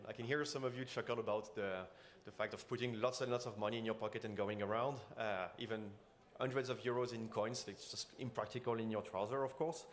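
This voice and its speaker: A man giving an earnest keynote talk at a conference, with frequent restarts and fillers. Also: mid-range voice. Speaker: conference speaker. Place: conference stage.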